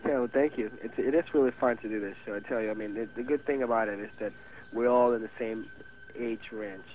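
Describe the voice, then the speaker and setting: A man's voice: medium pitch, fast. An eighteen-year-old man with a Venezuelan Spanish accent, a native Spanish speaker, talking casually and hesitantly in an interview, with many restarts. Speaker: guest actor. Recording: tinny phone-like radio audio with faint hiss.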